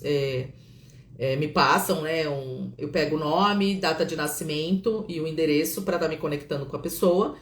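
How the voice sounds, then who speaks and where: A woman with a Brazilian Portuguese accent, a therapist leading a calm guided healing session and checking in often with her listeners. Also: on the low side. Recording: roomy echo.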